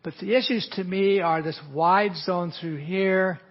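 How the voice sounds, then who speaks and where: This aesthetic physician has a high voice and an unhurried, fairly even intonation. While marking up a patient in a live teaching demo, he walks through the treatment plan, frequently softening his points with "a little bit." The recording sounds dull and lo-fi.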